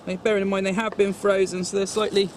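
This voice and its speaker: A man's voice: high voice, flat delivery, quick pace, a little hiss or hum. A man demonstrating a camp cooking recipe step by step, chatty and instructive as he works, recorded outdoors at a fishing lake.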